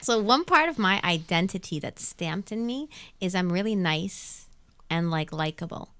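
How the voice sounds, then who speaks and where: A woman from Montreal, Canada, whose first language is Arabic, is a radio show host being interviewed in a casual live chat. Her fairly low voice is animated, fairly bright, clear and resonant, at a normal speed, and she reflects while repeating phrases for emphasis. Music plays behind her voice.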